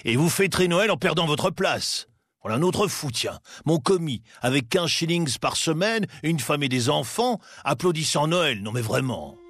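A man's voice: mid-range voice, sing-song, a little slow, vocal fry, a bit bright, breathy edge, no echo, full character voice. A man voicing a stingy, bitter old miser who speaks in scornful, indignant outbursts. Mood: angry.

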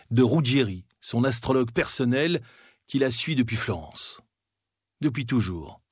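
A man giving scripted documentary narration in a measured, dramatic storytelling manner with pauses. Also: mid-range voice, breathy edge, no echo, clean studio sound. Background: faint background music.

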